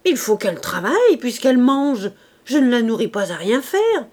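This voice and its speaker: A woman voicing a harsh, scolding innkeeper's wife in an audiobook, loud and sharp. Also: a little high, expressive, a little slow. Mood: curt, scornful.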